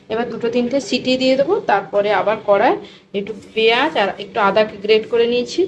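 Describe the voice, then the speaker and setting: A woman in her thirties talks through a casual home vlog, chatty and doting, her voice sitting a little high. She chats while cooking in a home kitchen. A faint household hum runs underneath. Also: dull audio. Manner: chatty, doting baby talk with her child. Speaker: vlogger and mother.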